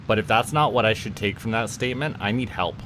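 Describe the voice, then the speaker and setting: This Canadian male VTuber talks fast, his fairly low voice carrying a fairly bright tone over slight background noise. During his casual gaming livestream, he rambles to viewers and stumbles over repeated words.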